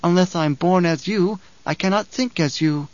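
A man voicing an unnervingly composed little girl in an audiobook, speaking slowly and serenely in a higher register. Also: darkish tone, no room sound, close to an everyday voice. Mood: calm, eerie. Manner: slow, measured, serene. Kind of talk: audiobook character voice. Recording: dull, dry studio recording.

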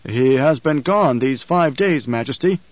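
A man's voice: medium pitch, expressive, unhurried, no room sound, lo-fi sound, close to an everyday voice. A man doing a fawning, wary baron. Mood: deferential. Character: nervous scheming male baron, obsequious before power.

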